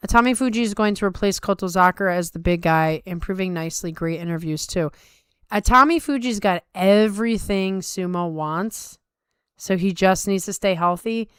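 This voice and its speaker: In clean studio sound with no echo, a middle-aged woman co-hosting a sumo talk show offers casual, emphatic, colloquial opinions in conversation. She has a smooth, medium-pitched voice and a moderate pace.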